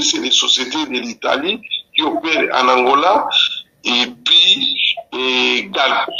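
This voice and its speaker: A male guest explains at length over a very bright, thin phone line with faint hiss behind him. His talk is halting, full of restarts and repeated words. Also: medium pitch. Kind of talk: explanatory call-in commentary.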